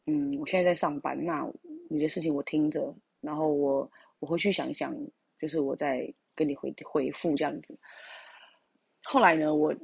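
A woman's voice: low voice, gravelly, darkish tone, breathy edge, dry recording. A woman telling a personal story in a casual, rambling way, full of fillers and asides to her listeners.

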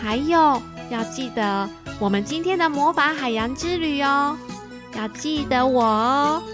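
Woman doing a gentle young dolphin. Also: high voice, unhurried, music in the background. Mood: tender. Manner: warm, caring, gentle.

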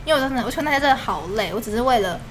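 A woman's voice: fairly high pitch, lively intonation, racing, a little hiss or hum. A young woman with a Taiwanese Mandarin accent, co-hosting a podcast and telling a story in casual chat, laughing often. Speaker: podcast co-host.

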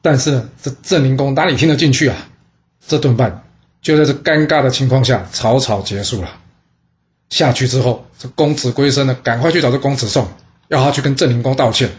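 A man's voice: mid-range voice, fairly quick. A man telling an ancient court story in a casual storytelling style, posing questions and answering them himself. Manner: lively, asks and answers his own questions.

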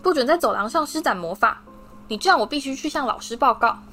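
A woman's voice: high-pitched, expressive, fast, pushed and bright, soft background music, voice pushed up, full character voice. A woman voicing a bossy teenage boy prefect who gives stern, commanding orders.

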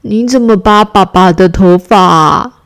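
A woman voicing a gentle, teasing father bear in a children's bedtime story. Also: mid-range voice, measured pace, close to an everyday voice. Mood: sleepy.

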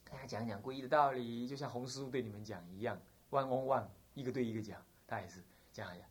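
A man's voice: mid-range voice, fast talker, husky. A middle-aged man, a Buddhist abbot telling a story during a dharma lecture and acting out the people in it. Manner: lively storyteller who acts out the people in his story.

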